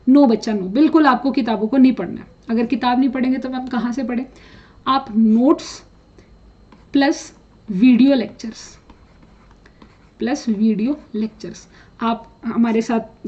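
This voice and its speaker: A woman with a high voice lectures students on exam preparation, blunt and direct, now and then switching into English phrases. The recording sounds dull and lo-fi. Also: a little mellow. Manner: direct, scolding, mixes English phrases into speech. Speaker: chemistry teacher.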